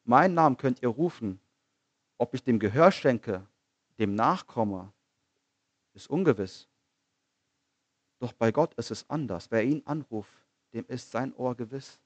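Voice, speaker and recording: A man preaching a sermon in an earnest manner, asking rhetorical questions, repeating phrases and slowing down on key lines. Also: mid-range voice, animated, no room sound.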